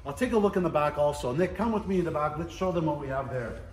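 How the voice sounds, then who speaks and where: A middle-aged man giving a casual walking tour of a large warehouse as an auctioneer, chatty and playful, listing items in quick repeats. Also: a little high, lively intonation. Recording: roomy warehouse echo, faint background noise.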